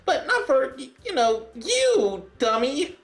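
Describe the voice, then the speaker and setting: A man's voice: extremely high pitch, sing-song, slow, a bit bright, soft background music, voice pushed up, full character voice. A man voicing a brash, defensive teenage girl from a game. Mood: snappy. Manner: snappy, defensive.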